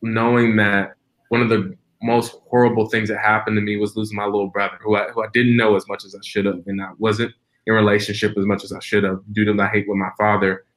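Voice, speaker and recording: A man's voice: lowish voice, level tone, fast, fairly bright tone. A man in his twenties, a preacher and podcast guest, telling a personal story in an earnest, reflective way with frequent restarts. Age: 20s.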